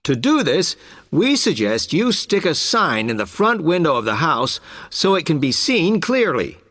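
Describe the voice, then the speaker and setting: An informative male salesman voiced by an actor gives a scripted, polite presentation. His voice is on the high side for a man and moves with very lively intonation. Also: measured pace, heavily acted. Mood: polite, persuasive. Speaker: alarm salesman.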